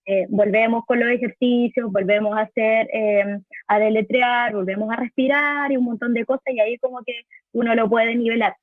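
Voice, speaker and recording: Over a tinny, phone-like, dry line with no echo, a Chilean voice actress with a Chilean Spanish accent answers interview questions from her home recording room. She speaks hesitantly at normal speed, often restarting and repeating words, in a fairly high voice with fairly even intonation.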